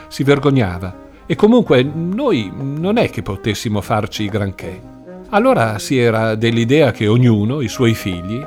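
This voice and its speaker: Man narrating a story over guitar. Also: on the low side. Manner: steady, storytelling, first person. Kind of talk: audiobook narration. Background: soft guitar music.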